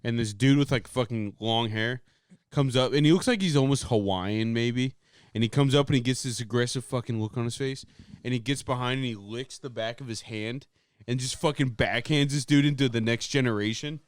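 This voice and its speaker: Smooth-voiced casual podcast man. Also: medium pitch, brisk, no room sound, studio quality. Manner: casual, swears, calls others "bro". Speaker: podcast co-host. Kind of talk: casual chat.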